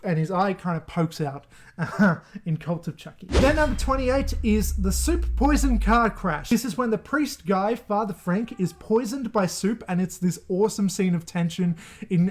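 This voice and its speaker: A man's voice: high voice, a little mellow. A man giving casual, rambling commentary on horror movies, often breaking into laughter.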